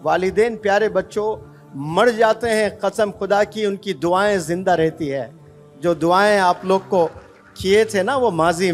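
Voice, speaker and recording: A male preacher giving an earnest sermon, putting rhetorical questions to young people. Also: high voice.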